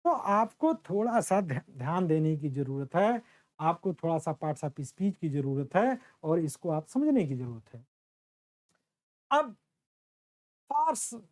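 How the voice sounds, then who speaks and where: A male teacher giving a classroom grammar lecture at an unhurried, deliberate pace. He stretches out his example sentences word by word and speaks to his students fondly, as a teacher would to his children. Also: fairly high pitch, darkish tone.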